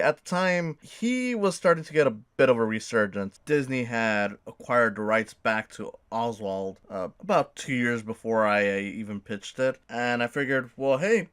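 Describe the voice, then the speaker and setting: A man's voice: on the low side, fairly bright tone, clean tone. Hesitant, rambling young man. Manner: rambling, hesitant, many fillers and restarts. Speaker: video creator. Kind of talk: casual personal monologue.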